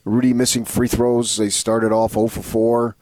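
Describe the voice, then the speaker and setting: A man's voice: medium pitch, level tone, moderate pace, a little mellow, dry recording, rough recording. A man co-hosting sports talk, giving conversational commentary and repeating phrases for emphasis. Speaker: sports radio co-host.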